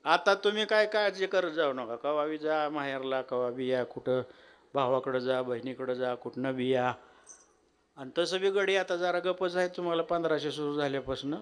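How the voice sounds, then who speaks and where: A man's voice: a little high, steady tone, normal speed, clear, resonant tone. A man with a telling a devotional story as a kirtan preacher, folksy and addressing the audience directly.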